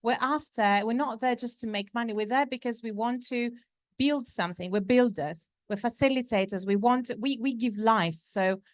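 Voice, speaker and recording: A woman from Greece speaks on a conference panel, chatty and enthusiastic, with plenty of ums along the way. Her voice is smooth and clear, and the sound is dry and close. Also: on the high side, normal speed, no echo. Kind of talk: panel discussion.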